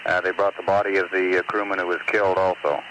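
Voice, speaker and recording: Over a hissy, noisy mission radio loop, a male capsule communicator talks casually with astronauts, passing along news and scores. His voice is low and flat, and he talks fast.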